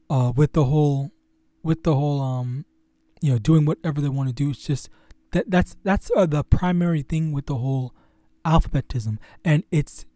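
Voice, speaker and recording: A man hosting his own religious channel, teaching scripture informally in a halting, stuttering way full of fillers and restarts. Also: on the high side, mellow, no echo, clean studio sound.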